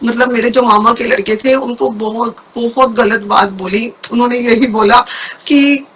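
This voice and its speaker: A woman with a high, light voice tells a personal testimony as an interview guest. She speaks earnestly and often doubles her words to stress a point. Her delivery is heartfelt and conversational rather than scripted. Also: fairly even intonation, unhurried, a bit bright, slight background noise. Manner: earnest, repeats words for emphasis. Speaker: guest telling a personal faith story.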